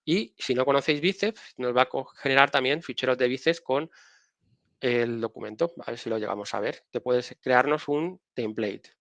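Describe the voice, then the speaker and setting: A man with a Spanish accent, a guest speaker casually explaining software on a live stream while showing his screen, often restarting his phrases. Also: mid-range voice, moderate pace, dry recording. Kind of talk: technical live-stream talk.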